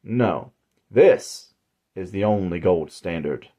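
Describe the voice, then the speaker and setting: A man's voice: sits low, lively intonation, slow pace, warm tone, exaggerated voice. A man voicing an old male umbrella salesman who is polite and sinister, with courtly, folksy, old-fashioned phrasing. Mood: silky.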